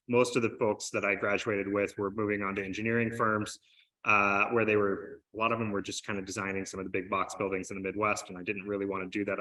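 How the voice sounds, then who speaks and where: Bright-voiced American man giving a talk. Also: lowish voice, poor audio. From United States. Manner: upbeat, conversational, many fillers, polls the audience. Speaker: conference speaker. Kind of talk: conference presentation. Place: conference room.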